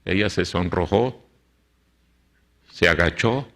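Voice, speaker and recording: A male pastor with a Mexican Spanish accent, preaching a story-driven sermon in a church and acting out the dialogue, moving between loud and hushed. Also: deep voice, slow pace. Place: church sanctuary.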